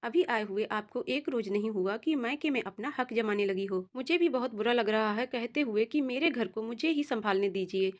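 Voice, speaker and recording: A woman narrator voices a sharp-tongued sister-in-law who taunts with sarcasm. The voice sits a bit high and the lines drip with mockery in a spoken family tale. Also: normal speed, hardly any pauses, close to an everyday voice. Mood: taunting.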